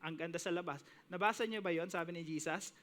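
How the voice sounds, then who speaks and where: A male pastor preaching a sermon, mixing in English phrases and reading scripture slowly with emphasis. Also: a little high, a bit bright. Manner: switches between Tagalog and English, quoting scripture with emphasis.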